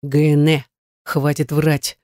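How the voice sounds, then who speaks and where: A stern, cold grown man bites off his words in clipped, grim lines, as a woman narrator puts him on. The voice sits low and even. It is an audiobook character, recorded close and dry. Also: takes it slowly, no room sound.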